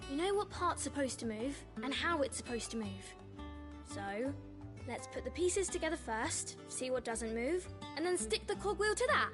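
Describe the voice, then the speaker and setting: A woman playing a bright, bossy child pupil in a fantasy drama, quick-witted and matter-of-fact. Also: sits high, lively intonation, music in the background. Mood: bossy, eager. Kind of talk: scripted fantasy drama acting.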